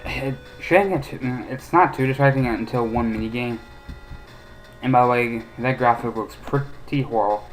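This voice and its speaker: A man's voice: medium pitch, moderate pace, poor audio. A man casually commenting on a retro game he is playing, rambling and opinionated with many hesitations. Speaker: let's play host.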